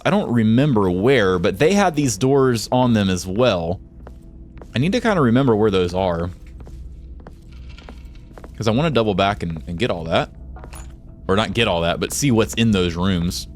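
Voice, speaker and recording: A man with a cold, hoarse and nasal, giving chatty, excitable let's play commentary. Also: mid-range voice. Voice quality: chatty, excitable, laughs often. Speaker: gaming YouTuber.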